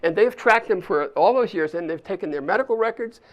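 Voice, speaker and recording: At an alumni volunteer summit in a university event space, an older man walks a live audience through a hands-on exercise during a chatty leadership talk. He talks a little fast in a high, animated voice, and the audio has its highs cut off.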